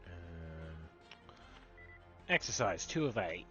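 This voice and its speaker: A man's voice: sits low, big pitch swings, slow, fairly bright tone, highs cut off, faint music behind. A man streaming a game over a headset, chatting casually, swearing often and restarting his sentences as he reads from the screen. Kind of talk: casual live-stream chat.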